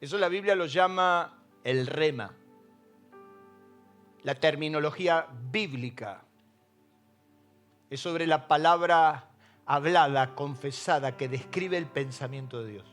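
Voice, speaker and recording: A middle-aged man with an Argentine accent, preaching a sermon in a church service, swinging between hushed lows and shouted peaks. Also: slow pace, pauses often, faint music behind. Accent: Argentine Spanish. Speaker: pastor.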